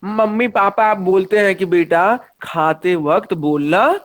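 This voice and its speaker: A man leads an online science lesson in a fairly high voice. He talks in a lively way and keeps asking the students questions. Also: measured pace. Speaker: teacher.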